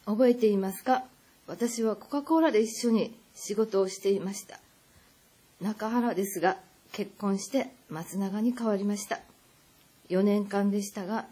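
A woman's voice: mid-range voice, mellow, slightly rough. A woman reading a heartfelt recorded message to an old friend, earnest and pleading. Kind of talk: read personal message.

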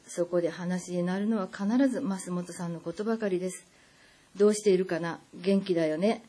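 A woman's voice: mid-range voice, mellow, slightly rough. A woman reading a heartfelt recorded message to an old friend, earnest and pleading. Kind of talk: read personal message.

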